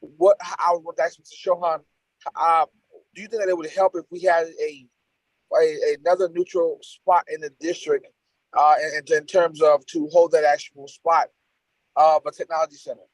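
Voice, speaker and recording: A man on a remote call asks questions at a public board meeting, halting and repeating words as he gropes for phrasing. His voice is a little high and the sound is dry and close. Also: flat delivery, dry recording, rough recording. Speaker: board member. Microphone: remote call connection.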